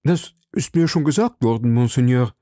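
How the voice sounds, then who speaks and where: A man voicing a timid, frightened shopkeeper who pleads anxiously in a raised, higher voice. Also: normal speed, warm tone, dry recording, clean studio sound, lightly acted.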